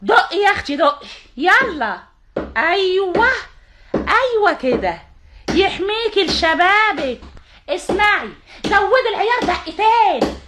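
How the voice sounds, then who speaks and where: An actress playing a feisty, sharp-tongued mother with an Egyptian accent, bossing her daughter and cursing the neighbours in a comic film scene. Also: very high-pitched, very animated, noisy background, full character voice. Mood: bossy. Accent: Egyptian Arabic. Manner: bossy, cursing, quick comic retorts.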